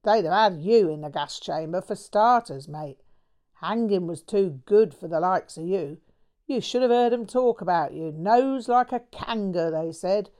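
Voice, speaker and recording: This woman's voice sits fairly low, clear and resonant with a slightly mellow quality, and her intonation is lively though her pace is unhurried. Voicing a bitter, manic, slang-heavy English man for an audiobook character, she curses defiantly and erupts in wild cackles.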